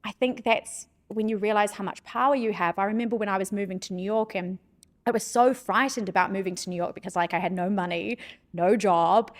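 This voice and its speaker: A woman with a New Zealand accent, chatting on a podcast. She talks fast and loose, full of "like" and quick restarts, in a voice of middling pitch. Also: fairly even intonation. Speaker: podcast host. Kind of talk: casual conversation.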